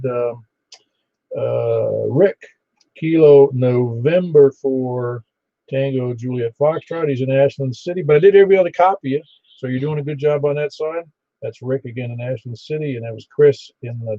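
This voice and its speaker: A man working as a ham radio net controller, halting and easygoing as he takes an informal roll call. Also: mid-range voice, vocal fry, warm tone, no echo. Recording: dull band-limited ham radio audio.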